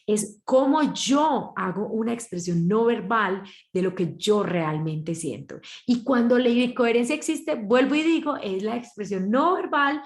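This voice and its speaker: A woman with a Colombian Spanish accent gives a talk to parents and acts out the voices she quotes in a lively way. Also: a little high, a little slow, hardly any pauses, echoey room. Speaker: parenting workshop speaker.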